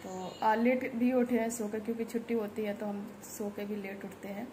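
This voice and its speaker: A woman's voice: mid-range voice, fairly even intonation, normal speed. Chatty woman vlogger talking to camera at home over background noise, easygoing and rambling. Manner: chatty, rambling, with frequent "uh" fillers. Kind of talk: casual daily vlog talk to camera. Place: indoors at home.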